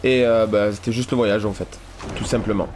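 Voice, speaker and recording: A man's voice: fairly low pitch, fairly even intonation, moderate pace, a little mellow. Gamer man, chatty, talks to viewers, faint hiss. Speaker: let's play gamer. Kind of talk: casual gameplay commentary.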